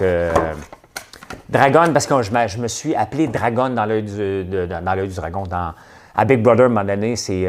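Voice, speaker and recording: A man with a Québécois French accent hosts a casual livestream chat, rambling in a stop-start way with lots of hesitations. His voice is lowish and a little mellow, with slight background noise.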